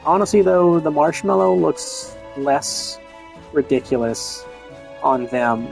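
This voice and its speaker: Wry, gravelly man streaming a game. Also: on the high side, expressive, takes it slowly, a little mellow, faint music behind, poor audio. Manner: wry, joking. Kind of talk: casual gameplay commentary.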